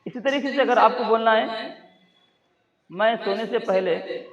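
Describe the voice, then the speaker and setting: A man's voice: high voice, creaky, crowd noise. A man teaching a class, prompting students for a phrase and then repeating and explaining their answers. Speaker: Arabic teacher. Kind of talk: classroom language drill. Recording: dull lo-fi classroom recording. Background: students in the room.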